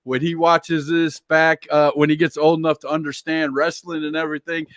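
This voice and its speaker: A man's voice: on the high side, level tone, a bit bright, dry recording, clean studio sound. Chatty male talk show host. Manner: chatty, laughs easily, trails off in pauses. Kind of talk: casual online talk show chat.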